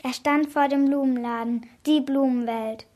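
High-voiced woman reading a children's story. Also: normal speed. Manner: clear, expressive storybook reading.

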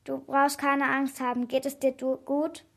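A woman voicing a calm, kindly male police officer in a storybook reading. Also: high voice, measured pace, vocal fry, exaggerated voice. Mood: reassuring. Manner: calm, reassuring.

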